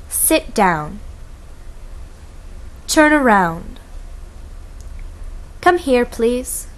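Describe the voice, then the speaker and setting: A woman reading classroom instructions aloud in English, slowly and clearly, pausing after each phrase. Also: a little high. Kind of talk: slow model reading of classroom commands.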